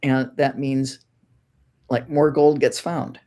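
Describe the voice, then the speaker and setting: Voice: mid-range voice, flat delivery, slow pace, dark tone. A co-host on an astrology talk show with a mid-range voice. The delivery is casual and explanatory, working through an idea step by step and weighing both sides. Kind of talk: casual conversational astrology discussion.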